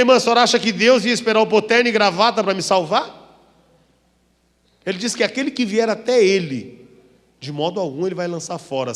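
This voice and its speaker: A Brazilian man, a pastor, preaching a dramatic testimony sermon, acting out voices and swinging from hushed to loud. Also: high-pitched, long reverb tail. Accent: Brazilian Portuguese. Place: church.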